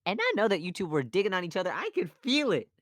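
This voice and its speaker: A woman's voice: medium pitch, fast, dry recording, clean studio sound, close to an everyday voice. A woman playing jittery chatty Donkey. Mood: teasing. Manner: stammering, rambling, excitable.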